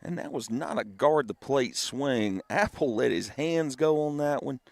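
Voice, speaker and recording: A man's voice: mid-range voice, unhurried, gravelly, dry recording. A man giving casual, folksy color commentary on a live baseball game. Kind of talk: conversational live sports commentary.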